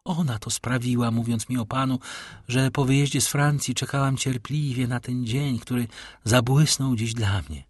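A man voicing a gentle, grateful young woman in a read-aloud novel, earnest and eager. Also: medium pitch, steady tone, moderate pace, slightly rough, no echo, studio quality, lightly acted.

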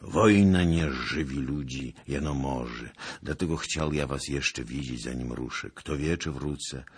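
A man's voice: very deep voice, a little slow, slightly rough, exaggerated voice. A man doing Bohun, brooding Cossack chief. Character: fierce young male Cossack leader, brooding.

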